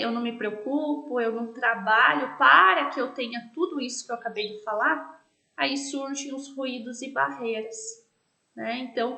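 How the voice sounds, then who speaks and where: A Brazilian woman from Paraná teaches a recorded class, explaining point by point. Her voice sits high and carries a gravelly edge. The room around her sounds echoey. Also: bright, forceful tone. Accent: Brazilian Portuguese, Paraná. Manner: explanatory, frequent tag questions "né?". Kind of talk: recorded online class lecture.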